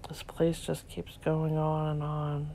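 Woman thrift vlogger, low gravelly voice, unhurried, soft marveling asides, phone mic in a cluttered shop with faint hum. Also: completely flat delivery. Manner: softly marveling, drops to whispers. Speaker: vlogger and reseller. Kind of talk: casual shop-along narration. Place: cluttered indoor antique store.

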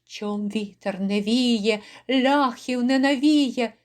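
A woman voicing a grief-maddened Cossack father in a dramatic poetry recital, crying out in anguish with slow, drawn-out lines. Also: on the high side. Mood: raging lament. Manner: anguished shouting and lament, drawn out. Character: grief-mad Cossack father, furious and despairing.

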